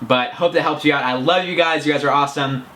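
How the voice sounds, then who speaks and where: A man's voice: fairly high pitch, fast, bright, forceful tone. A man hosting a casual advice vlog, talking in an earnest, chatty way with frequent restarts. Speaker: self-help vlogger.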